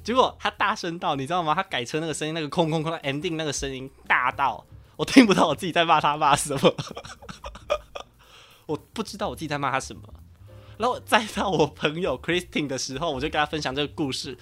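Sex: man. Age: 20s. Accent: Taiwanese Mandarin. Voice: bright, higher pitch. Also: fast talker, faint music behind. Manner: animated, loud ranting storyteller. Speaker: podcast host. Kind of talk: casual podcast monologue.

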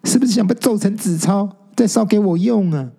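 A man's voice: sits high, big pitch swings, moderate pace, gravelly, mellow, slightly rough, pitched above the performer's own voice, full character voice. Man putting on a smug, bossy young ghost girl. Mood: indignant. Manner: teasing, haughty, scolding.

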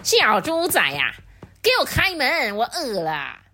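A woman's voice: a little high, huge pitch swings, measured pace, bright, forceful tone, slight background noise, voice pushed up, heavily acted. A woman voicing a hungry, sly big bad wolf in a storybook, talking in a sneering, taunting way. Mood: demanding.

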